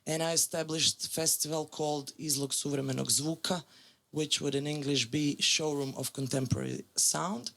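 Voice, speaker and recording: Croatian-accented woman, 40s, curator lecturing in English; gravelly fry in the voice, halting delivery full of fillers. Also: low-pitched, steady tone, a bit bright. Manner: halting, with many fillers and self-corrections. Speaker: music curator giving a lecture. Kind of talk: public lecture.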